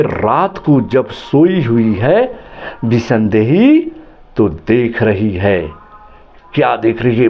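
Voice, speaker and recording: A man's voice: medium pitch, dull audio, a little hiss or hum. A man who, as a teacher, retells a story for a lesson in a dramatic, repetitive way.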